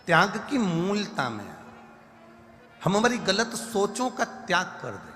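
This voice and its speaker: Preaching man with a higher voice in a reverberant hall. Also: huge pitch swings, unhurried, sharp tone. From India. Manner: preaching with repetition and sung chants. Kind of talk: devotional sermon with sung verses. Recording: long hall reverb with faint music.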